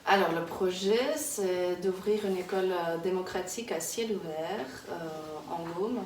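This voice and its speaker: Woman, 30s, from Kazakhstan, lowish voice, casual interviewee who hesitates a lot, recorded far from the mic. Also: measured pace, a little mellow. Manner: hesitant, many fillers and restarts. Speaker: interviewee, early childhood worker. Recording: echoey room, distant mic, background noise.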